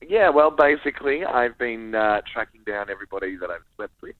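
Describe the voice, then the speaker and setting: A man's voice: medium pitch, expressive, a little fast. A man with an Australian accent chatting as a comedian guest in a camp, self-deprecating way. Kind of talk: casual comic chat. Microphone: phone call. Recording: dull, close phone line.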